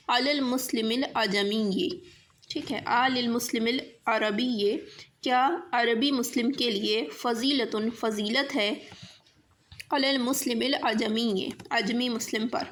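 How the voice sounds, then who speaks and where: A woman teaching an Arabic lesson, reading phrases slowly and explaining them in quicker asides. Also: fairly high pitch, a bit bright, slight background noise. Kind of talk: classroom lesson explaining grammar exercises.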